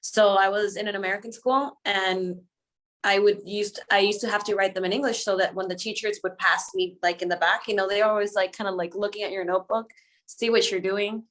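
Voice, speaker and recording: A woman's voice: medium pitch, fairly even intonation, a little fast. A woman raised in the Dominican Republic, a singer guest who answers interview questions in a chatty way and slips between English and Spanish. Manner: chatty and warm, laughs often, switches between English and Spanish.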